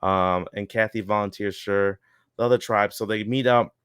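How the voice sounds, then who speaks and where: Podcast guy rambling thru a recap, smooth lowish voice, dry close sound, lots of ums. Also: steady tone, moderate pace, fairly bright tone, dry recording. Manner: rambling, lots of fillers and chuckles. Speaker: podcast co-host. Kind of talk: casual recap chat.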